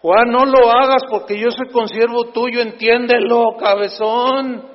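A stern male angel, as a Mexican preacher puts him on, scolds in a loud, emphatic voice pitched well above his usual speech. The sound is dull and carries a long echo from the hall. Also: fairly even intonation, measured pace. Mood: exasperated. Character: stern male angel rebuking a kneeling man.

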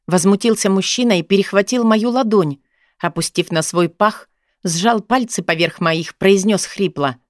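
A woman narrating a first-person story as an audiobook, with a sharp, sarcastic edge. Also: mid-range voice, moderate pace, no room sound, studio quality.

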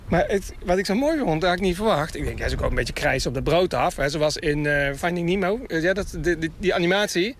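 With gulls calling around him, a man explains bird calls for radio in an outdoor field recording by the water in a town, sounding casual and enthusiastic amid background noise. He speaks fast with lively intonation, a slightly high voice, and barely pauses.

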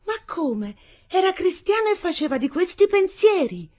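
A woman's voice: very high voice, very animated, normal speed, darkish tone, pitched above the performer's own voice. Woman putting on a timid wide-eyed young bride. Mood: startled. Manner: wide-eyed, pleading, breathless disbelief. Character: timid naive young bride, girl from Naples area.

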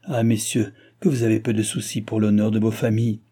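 A proud, indignant noble duchess, as a man voices her in an audiobook. The reading stays low and husky, with a very dark tone under the outrage. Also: level tone, fairly quick. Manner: outraged, pleading.

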